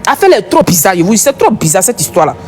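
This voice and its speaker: A woman's voice: mid-range voice, very animated, fast talker, a little mellow, slight background noise. Chatty woman. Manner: repetitive, chatty, talks straight to viewers. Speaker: live stream gossip commentator. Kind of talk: casual live commentary.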